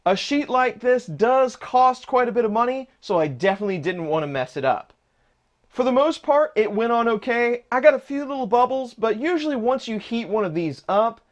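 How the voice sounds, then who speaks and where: Speaking at a moderate pace in a very high, expressive voice, a man in his thirties hosts his channel's 3D printer build vlog from his home workshop. He walks through the parts, explaining each as he holds it up.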